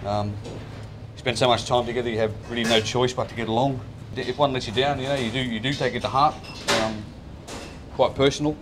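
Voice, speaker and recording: A man's voice: mid-range voice, steady tone, a little fast. A male head chef talking informally about kitchen work, blunt and matey. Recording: noisy kitchen background.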